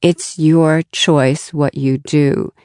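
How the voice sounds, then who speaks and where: Slow, deliberate woman guest. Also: sits low, fairly even intonation, warm tone, no room sound, clean studio sound. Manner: slow, deliberate, acts out inner voices. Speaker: guest expert. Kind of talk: interview answers.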